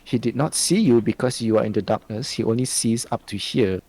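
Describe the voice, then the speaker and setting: A man, narrating a tabletop game as game master in a loose, halting way. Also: mid-range voice, darkish tone, dry recording.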